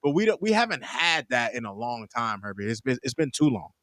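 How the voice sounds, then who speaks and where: A man's voice: mid-range voice, big pitch swings, brisk, a bit bright, no room sound, studio quality. A man co-hosting a sports podcast in casual talk, emphatic, often calling his partner bro or man. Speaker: podcast co-host.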